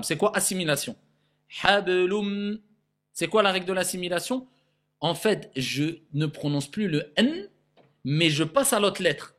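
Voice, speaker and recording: A man teaching a tajwid lesson, explaining the rules of Quran recitation in a patient classroom manner and repeating each Arabic word slowly for pronunciation. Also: high-pitched, fairly bright tone. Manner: checks in with frequent "d'accord?" and "ok?".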